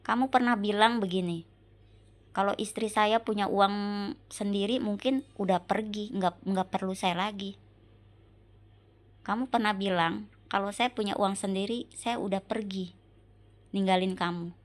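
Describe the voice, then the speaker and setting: Slow, aggrieved woman. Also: mid-range voice, fairly even intonation. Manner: slow, repetitive, pleading rhetorical questions. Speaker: wife venting on camera. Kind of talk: emotional monologue addressed to her husband.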